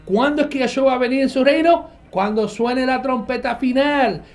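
A man's voice: extremely high pitch, moderate pace. A man preaching a nightly online Bible teaching, emphatic, asking questions and answering them himself. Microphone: live stream with viewers connected.

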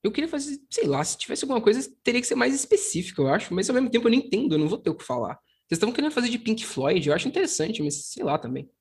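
Male podcast co-host, Brazilian Portuguese accent, lively pitch swings, rough-edged voice, casual grumbling banter. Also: racing, few pauses.

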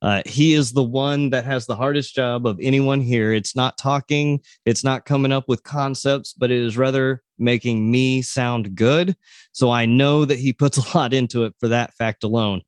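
An American man from Oklahoma hosts in a conversational, appreciative manner. His pitch sits in the middle of the male range. The sound is very dry, with no room around it. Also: steady tone, normal speed, no room sound. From Oklahoma, USA. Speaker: podcast host. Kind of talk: casual conversational hosting.

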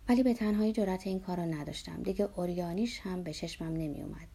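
A woman reading a memoir aloud in a measured, somber way, dropping to a hush at times. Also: on the low side, creaky, slightly rough. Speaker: narrator. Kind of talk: scripted narration of a memoir.

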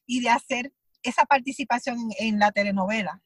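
In a conversational interview, a Puerto Rican actress appearing as a guest speaks in a high voice and tells her stories with animation, slipping into little acted quotes of her own thoughts. The recording is brisk, close and dry, with no room sound around it.

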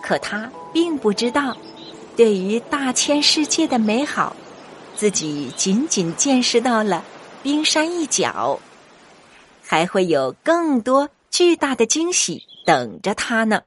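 A woman's voice: a little high, big pitch swings, takes it slowly. A woman narrating a scripted story for young children as a storyteller. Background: music.

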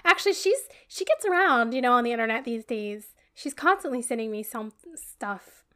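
A woman with a slightly high voice chats loosely as a podcast co-host. She rambles, stalls on words with frequent ums and trails into laughter. Her delivery is relaxed and unscripted. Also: normal speed. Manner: laughs often. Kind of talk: casual sibling chat.

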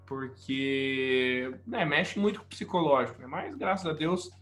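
A man's voice: mid-range voice, unhurried, fairly bright tone. A man with a Brazilian accent giving colloquial, opinionated commentary in a casual sports discussion. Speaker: sports podcast panelist. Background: background music.

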